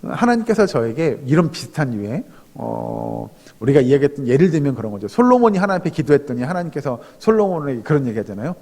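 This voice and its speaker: A middle-aged male pastor preaching a sermon in a lively, conversational way, acting out the prayers he quotes. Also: medium pitch, fast talker, creaky, hardly any pauses. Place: church sanctuary. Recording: reverberant church hall.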